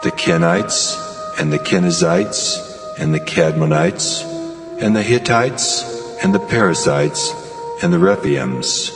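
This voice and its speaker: An actor playing God as a solemn, commanding divine voice in a dramatized scripture reading. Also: male voice, low voice, lively intonation, slow, exaggerated voice. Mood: grave, prophetic. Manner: solemn, declamatory. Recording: long cavernous reverb over music.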